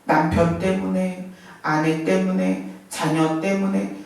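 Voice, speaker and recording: A woman delivers an animated sermon, pressing her listeners with rhetorical questions. She sounds middle-aged and is picked up from some distance away. Her voice rings through a strongly echoing church hall. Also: fairly low pitch, takes it slowly. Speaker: preacher. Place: church sanctuary. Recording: echoey hall, mic from far off.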